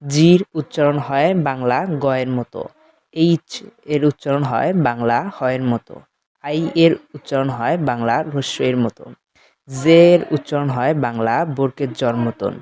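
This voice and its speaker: A man teaching beginners in a slow, explanatory way with a Bengali accent, talking directly to his students. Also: mid-range voice, a little mellow, slight background noise. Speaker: English teacher. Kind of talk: spoken lesson.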